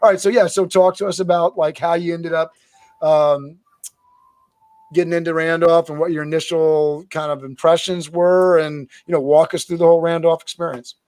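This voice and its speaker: A man's voice: fairly high pitch, flat delivery, moderate pace, darkish tone, no room sound. A man hosting a casual alumni interview, encouraging, often repeating words as he starts his questions. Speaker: interview host, alumni show.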